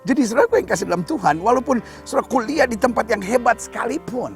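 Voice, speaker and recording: A male pastor with an Indonesian accent, preaching an animated sermon full of jokes and rhetorical questions. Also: very high-pitched, quick pace, vocal fry, soft background music. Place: outdoors at a rocky site.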